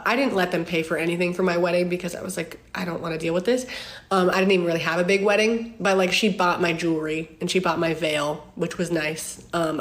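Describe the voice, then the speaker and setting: A twenty-something woman chats into her phone, answering viewers' questions in a candid, casual Q&A full of ums and laughter. Her voice is on the low side with a fairly bright tone; she's a social media creator responding to fans.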